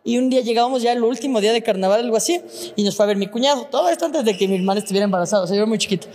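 A woman's voice: a little high, very fast, a little mellow, long reverb tail. An Ecuadorian woman co-hosting a podcast in casual, teasing chat, laughing often. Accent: Ecuadorian Spanish. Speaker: podcast co-host.

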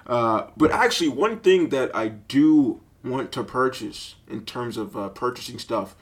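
A young man with a deep voice hosts a casual solo podcast, telling rambling, animated stories full of fillers and laughter at a measured pace. He records into a budget mic with a sock as a pop filter.

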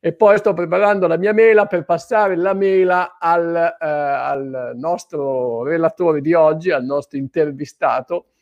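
Higher-voiced man hosting a chatty interview. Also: measured pace, hardly any pauses, darkish tone, no echo, dull audio. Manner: playful, chatty. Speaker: host of an online interview show. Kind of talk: informal live online interview hosting.

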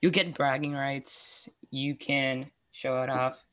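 A woman's voice: rumbling low, fairly even intonation, slow pace, a bit bright. A young woman hosting a casual trivia quiz over a video call, giggly and stumbling over her words. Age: young adult. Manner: giggly, restarts often. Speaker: host running a trivia quiz. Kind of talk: casual online chat.

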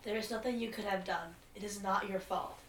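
A woman reading a calm female therapist who speaks in a steady, reassuring way. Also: mid-range voice, brisk, roomy sound, far from the mic, slight background noise, natural voice.

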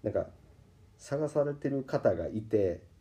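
A man with a Kansai accent hosting a podcast, telling a story in a casual, animated way and acting out the people he quotes. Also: mid-range voice, unhurried. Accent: Kansai Japanese. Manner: animated, acts out quoted voices. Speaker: podcast host. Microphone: podcast microphone.

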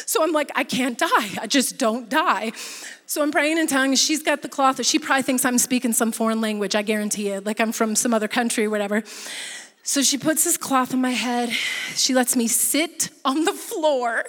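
Woman, higher voice, lively storyteller who acts out the quotes, long reverb. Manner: lively, laughing often, quotes people in voices. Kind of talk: animated personal story.

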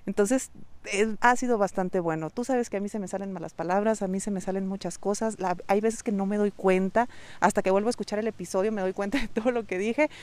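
Speaking a little fast in a steady, mid-range voice with a slightly mellow quality, a Mexican woman runs her own podcast. Her solo talk on online business is direct and coach-like, and she repeats key ideas for emphasis.

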